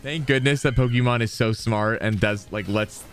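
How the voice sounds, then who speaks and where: A man streaming a video game, chatting casually with his viewers in an excitable, rambling way full of asides. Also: mid-range voice, moderate pace, soft background music. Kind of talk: casual gameplay chat with viewers.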